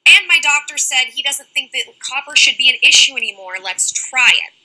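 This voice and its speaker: High bright woman live-streaming. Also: expressive, poor audio. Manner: fast-talking, reads out chat comments and answers them directly. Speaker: livestream host answering chat. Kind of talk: casual livestream chat.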